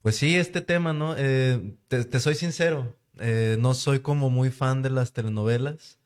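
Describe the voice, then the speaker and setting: A man, a podcast guest, talking in a relaxed, reflective way. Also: medium pitch, unhurried. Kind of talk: casual podcast conversation.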